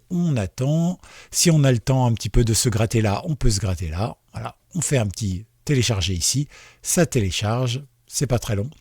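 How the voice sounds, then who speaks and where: Chatty husky man explaining tech. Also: mid-range voice, darkish tone, dry recording, studio quality. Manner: chatty, reassuring, with many fillers and asides. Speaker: tech tutorial host. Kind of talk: casual screen-share tutorial.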